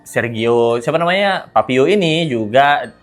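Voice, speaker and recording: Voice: medium pitch, expressive, measured pace. A gossip commentary host who chats casually with viewers, teasing and laughing often while reacting to celebrity news. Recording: light background music.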